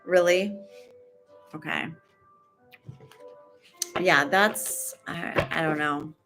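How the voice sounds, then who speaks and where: Lowish-voiced woman doing a casual tarot stream, rambly, jokey asides, faint music behind. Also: extremely slow, a bit bright. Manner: chatty and rambling, trailing off mid-sentence; joking asides. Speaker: tarot reader and stream host. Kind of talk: casual livestream tarot reading.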